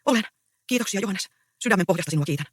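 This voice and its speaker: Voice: mid-range voice, lively intonation, dry recording, studio quality, lightly acted. A reader voicing an earnest, anxious young peasant woman in a stage play read aloud. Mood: pleading. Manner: pleading, earnest.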